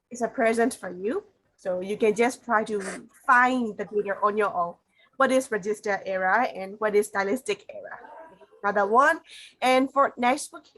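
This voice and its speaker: A woman's voice: fairly high pitch, a bit bright. A woman teacher on a video call, patiently giving homework instructions and repeating the key points. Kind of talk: online class instructions.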